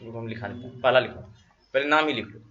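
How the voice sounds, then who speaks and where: A man teaching a classroom geography lesson, dictating notes slowly and quizzing his students with repeated questions. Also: mid-range voice, sharp tone. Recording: dull lo-fi classroom recording.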